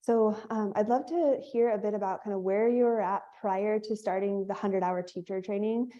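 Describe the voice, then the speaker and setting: A woman's voice: mid-range voice, steady tone, moderate pace, mellow. Woman, interview host, upbeat and eager, dull lo-fi recording. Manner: upbeat, enthusiastic. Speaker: host, training instructor. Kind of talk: casual interview hosting. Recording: dull lo-fi sound.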